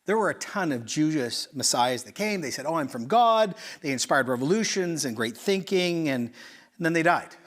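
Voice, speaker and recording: This sermon comes from a Canadian pastor in middle age whose voice sits a little high. His preaching is animated and chatty, full of rhetorical questions and brief side remarks.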